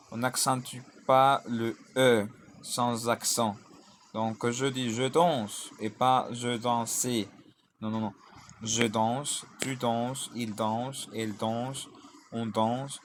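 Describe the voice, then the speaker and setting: Male teacher, unhurried and methodical, spells endings out, mid-pitched voice, faint room hum behind. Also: little pitch movement. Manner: deliberate, spells out endings letter by letter; drills conjugations in lists. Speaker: language teacher. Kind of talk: French grammar lesson.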